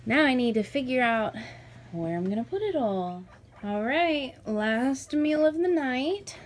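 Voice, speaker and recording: A woman's voice: high voice, a little mellow, slight background noise. A young woman in her twenties chatting casually in a home vlog, talking sweetly to her pets. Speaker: vlogger. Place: home pet room, indoors.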